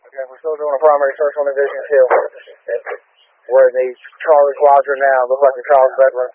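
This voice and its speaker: A man's voice: medium pitch, level tone, brisk, dry recording. Man, firefighter radioing in emergency reports. Plain, informal delivery, narrow dry two-way radio sound, ambulance-radio style. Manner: matter-of-fact, informal. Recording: thin, tinny two-way radio transmission.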